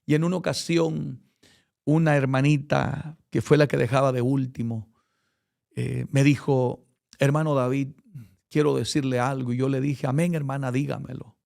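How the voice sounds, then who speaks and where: A man's voice: medium pitch, level tone, moderate pace, creaky, darkish tone. A man preaching a sermon as pastor, telling his testimony with impassioned delivery and acted-out dialogue.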